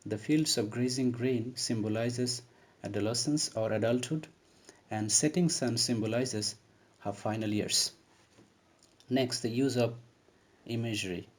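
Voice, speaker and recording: A man's voice: medium pitch, darkish tone. A man giving a recorded literature lesson on a poem, explaining terms step by step in a methodical way. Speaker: literature lecturer. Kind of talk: recorded poetry lecture.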